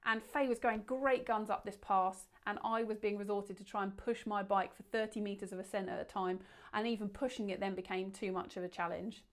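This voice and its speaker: A woman telling a bedtime adventure story in a lively way, acting out the quoted lines with big shouts. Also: medium pitch, fairly quick, few pauses.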